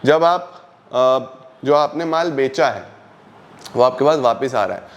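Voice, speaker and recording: A young man teaches an online accountancy class. He explains each point step by step, asking questions and then answering them himself. He reads English definitions slowly and then explains them in Hindi. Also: mid-range voice, expressive, dull audio. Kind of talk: online lesson.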